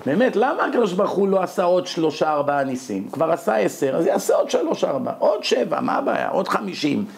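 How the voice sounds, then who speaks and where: A man's voice: high-pitched, sing-song, creaky. A man giving a Torah lecture, telling stories animatedly and firing rhetorical questions.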